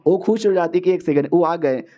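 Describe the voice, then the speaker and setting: Male recap narrator, slangy casual retelling, slightly high voice, mellow tone. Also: fairly quick, lo-fi sound.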